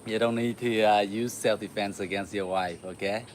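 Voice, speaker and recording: A man from Vietnam hosting a martial arts livestream, chatting casually with viewers while he warms up, with lots of uh fillers. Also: lowish voice, moderate pace, background noise. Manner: relaxed, chatty, many uh fillers, laughs often. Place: home in the city.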